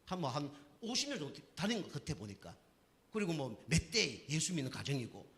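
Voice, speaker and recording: Long hall reverb surrounds a pastor giving an evangelism sermon in a church sanctuary, where he tells stories, acts out quotes, and repeats points for emphasis. He sounds very animated, with a fairly high, fairly bright voice and a fairly quick pace.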